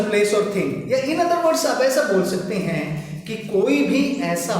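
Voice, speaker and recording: A man teaching English grammar to children in a classroom lesson, asking many rhetorical questions and repeating key points. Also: high voice. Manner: addresses students as children. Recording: echoey room from a distant mic.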